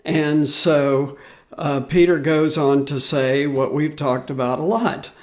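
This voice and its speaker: A man's voice: fairly high pitch, fairly even intonation, takes it slowly. A man hosting his own podcast, talking loosely and unhurriedly with many fillers and restarts. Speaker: podcast host. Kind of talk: solo podcast commentary.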